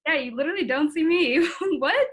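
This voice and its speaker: High-voiced and lively in intonation, a young woman of eighteen talks at a moderate pace in an American accent. Born in the Philippines, raised in the United States, she's interviewed in a casual family conversation, speaking candidly and self-reflectively with frequent "like".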